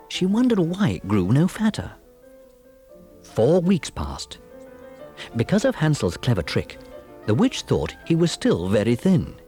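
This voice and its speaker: A man narrating a children's fairy tale on a storybook cassette with an expressive, dramatic delivery. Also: mid-range voice.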